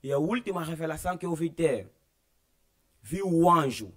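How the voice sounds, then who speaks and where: A man's voice: on the high side, expressive, moderate pace, a bit bright. Young Angolan-accented man telling his faith testimony earnestly, voicing each quoted line. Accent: Angolan Portuguese. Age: young adult. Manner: earnest storytelling that acts out quoted dialogue. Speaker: church member giving testimony. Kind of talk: personal religious testimony.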